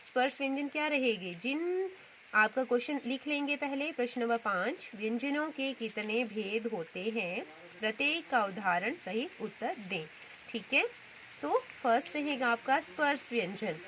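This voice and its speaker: A woman's voice: on the high side, lively intonation, normal speed, a bit bright, a little hiss or hum. A woman teacher patiently explaining a grammar lesson, repeating each point and checking in often. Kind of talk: Hindi grammar lesson with notes.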